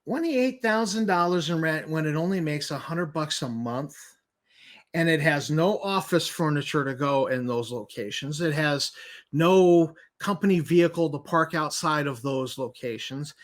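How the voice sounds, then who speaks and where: A man's voice: fairly high pitch, normal speed. A man giving informal commentary as he reads through a document, emphatic and skeptical, repeating key points for effect. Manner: incredulous, skeptical. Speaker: commentator host.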